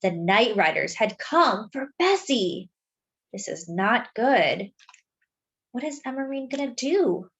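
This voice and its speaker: Her voice a little high, a woman reads a story for young children with expressive, dramatic flair and deliberate timing, like a storyteller at story time.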